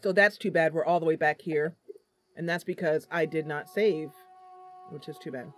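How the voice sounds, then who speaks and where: Talking straight to her viewers in a playful let's-play, this woman thinks aloud through the game, dropping frequent ums. She hosts a gaming channel and speaks at a moderate pace in a low-pitched voice, with soft music in the background.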